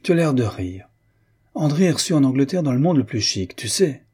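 A man's voice: medium pitch, sing-song, brisk, warm tone, husky, pitched above the performer's own voice. A man doing a serious aristocratic husband. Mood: earnest. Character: earnest, status-minded aristocratic husband.

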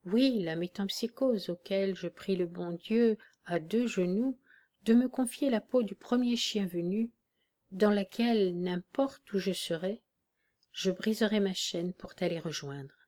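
A woman voicing a dying old male army captain who speaks in a weak, hushed, steady way with dry humour. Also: mid-range voice, measured pace, lightly acted. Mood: weary, tender.

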